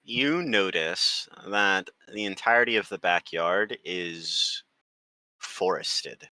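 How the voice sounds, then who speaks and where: A man with a low voice and a sharply bright, forceful tone runs a tabletop game as game master. His narration is calm and formal. He sounds dry and close to the mic. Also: slow, no room sound, rough recording.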